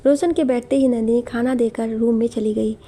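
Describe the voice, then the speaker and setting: A woman storyteller reading scripted narration at a steady, even pace. Her voice is warm and mellow, slightly husky, and sits a little high. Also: normal speed.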